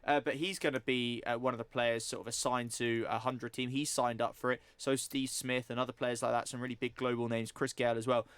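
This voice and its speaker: Fast-talking male sports radio presenter. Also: mid-range voice, little pitch movement, fairly bright tone, smooth, no echo. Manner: fast, fluent news rundown with opinions.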